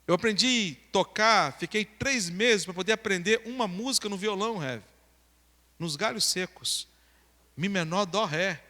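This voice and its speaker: A man from Brazil, a pastor preaching a sermon testimony and telling his story in a lively way, swinging from loud excitement to a hushed, grave tone. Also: sits high, unhurried. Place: church hall. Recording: long hall reverb.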